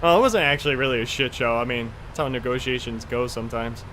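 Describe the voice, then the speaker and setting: A flight sim live streamer chats casually while playing, rambling in an offhand way with the occasional mild swear. He talks fast at an average pitch, over a faint, steady hum of airy cabin-like noise.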